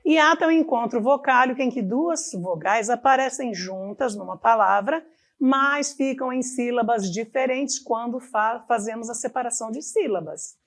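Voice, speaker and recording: A woman teacher from Brazil with an Amazonas accent, giving a recorded lesson and slowly stretching out example words as she checks in with the class. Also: fairly high pitch. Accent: Amazonas Brazilian Portuguese.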